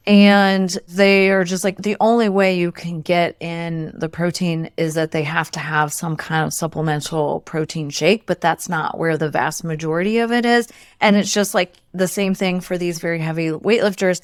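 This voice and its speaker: Lowish smooth-voiced woman explaining nutrition. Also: fairly even intonation, normal speed, few pauses, no room sound, studio quality. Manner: explains step by step with numbers. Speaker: podcast co-host, nutrition expert. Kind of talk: casual explanatory chat.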